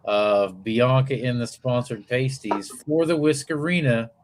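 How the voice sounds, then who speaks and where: A man's voice: mid-range voice, a little slow, slight background noise. A man co-hosting a casual live show, chiming in with brief, dry remarks.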